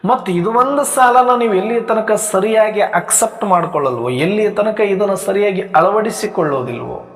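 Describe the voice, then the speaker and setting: A man with a high voice gives a reflective spiritual talk, asking questions aloud and stacking long lists of words. His voice rings through an echoey hall with a long reverb tail. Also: normal speed. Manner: rhetorical, builds long repeated lists. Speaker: spiritual teacher.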